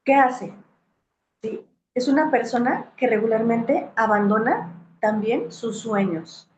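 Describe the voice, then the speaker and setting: A woman's voice: on the high side, slow pace. A middle-aged woman gives a reflective talk on emotional healing, asking rhetorical questions and checking in with her audience. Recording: roomy, slightly dull sound with faint hiss.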